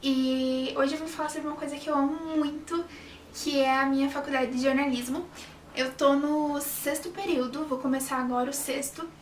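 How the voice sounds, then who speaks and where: This young adult woman, a journalism student, talks to camera in a chatty, casual way, often starting her sentences over and dropping "sabe?" again and again. She speaks at a normal speed in a high voice with fairly even intonation. Slight hiss or hum, room echo, and a somewhat distant mic color the sound.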